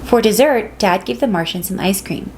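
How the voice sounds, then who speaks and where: A woman reading a children's picture book aloud, gentle and storytelling. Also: mid-range voice, lively intonation, normal speed, slight background noise, low-quality recording. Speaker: reader.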